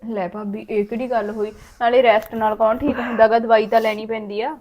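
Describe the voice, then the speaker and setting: A woman's voice: on the high side, level tone, a little fast, muffled recording, close to an everyday voice. An actress with a Punjabi accent playing a trusting young village woman who talks in an earnest, coaxing way.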